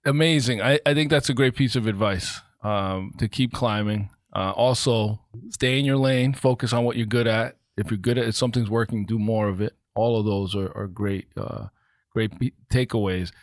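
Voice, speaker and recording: A middle-aged man co-hosting a podcast interview in a studio, calmly affirming and asking questions. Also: on the low side, normal speed, no echo. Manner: calm, affirming listener. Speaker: podcast co-host. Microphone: studio mic on boom arm.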